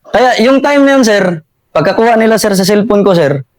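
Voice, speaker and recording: A man's voice: high-pitched, expressive, moderate pace. A young man with a Filipino accent telling his war story in a casual interview, ending nearly every phrase with "sir" and chuckling often.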